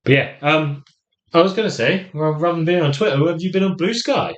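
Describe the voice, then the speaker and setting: A man with an English accent co-hosting a football podcast in casual, teasing chat with his brother. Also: fairly quick. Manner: teasing, jokey, lively pitch swings. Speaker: podcast co-host. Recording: slightly dull lo-fi sound.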